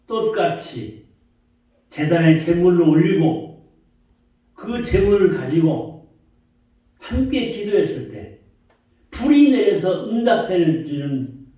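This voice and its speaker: A man preaching a sermon as pastor, slow and emphatic, often rising into questions. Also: on the high side, warm tone. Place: church sanctuary. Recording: echoey church hall, mic far off.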